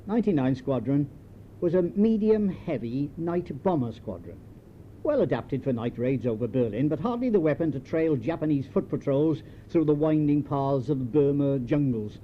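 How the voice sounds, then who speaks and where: Reading his scripted memoir, this elderly British author narrates in a measured, drily understated way with a slightly high voice. The audio resembles an old home tape, muffled and dull, with a distinct rumbling in the background.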